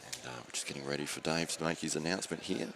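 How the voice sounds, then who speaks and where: A man's voice: extremely low pitch, very fast, background noise. A man hosting a live sports stream and calling the action as a commentator. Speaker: stream host and play-by-play commentator.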